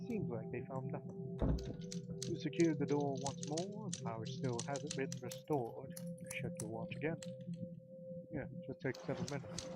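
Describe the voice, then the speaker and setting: A man's voice: medium pitch, normal speed, rough recording. A man streaming a mystery game, reading its narration aloud in a casual way, with offhand swearing and muttered asides.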